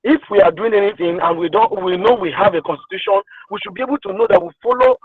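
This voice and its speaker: A man calling into a meeting on speakerphone while driving home, earnest and pausing often with fillers. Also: high voice, big pitch swings, gravelly, breathy edge, dry recording. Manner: earnest, pauses with uh and you know. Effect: car speakerphone call while driving. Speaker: party member speaking at a town hall. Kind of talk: remote call into an online meeting. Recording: tinny phone line from a car.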